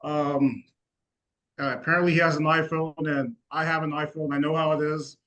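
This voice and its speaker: A man co-hosting a casual sports talk show, speaking in a relaxed, hesitant way with lots of fillers. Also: on the high side, normal speed, low-quality recording. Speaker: co-host.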